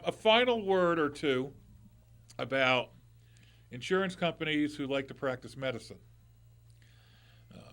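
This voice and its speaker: With a mid-range, loud voice, a middle-aged man hosts a live call-in radio broadcast from a studio microphone. He keeps things conversational and loose, doubling back with restarts and asides.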